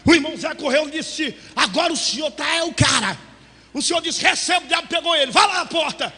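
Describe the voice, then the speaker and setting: A Brazilian man preaches with a strikingly high, piercing voice. He swings from storytelling into shouted, sing-song calls, and the sound rings out through a church with long reverb. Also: lively intonation, fast talker. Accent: Brazilian Portuguese. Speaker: pastor. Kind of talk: Pentecostal sermon storytelling.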